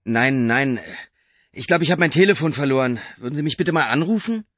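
A man's voice: medium pitch, animated, fairly quick, fairly bright tone, no echo, voice pushed up. A man voicing a flustered, nervous man in a taxi who talks hastily. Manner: hasty, nervous.

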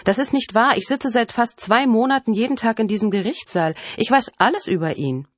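A woman's voice: a little high, animated, fairly quick, no room sound, pitched above the performer's own voice. A woman voicing an infatuated adult sister who pleads and coaxes insistently in an audiobook. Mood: pleading. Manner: insistent, coaxing.

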